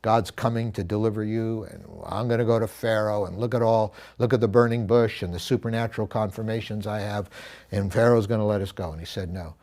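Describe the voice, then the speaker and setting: Middle-aged male pastor, low mellow voice, reflective conversational teaching. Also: steady tone, fairly quick. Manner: earnest, reflective, with self-corrections and asides. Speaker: pastor teaching a Bible study.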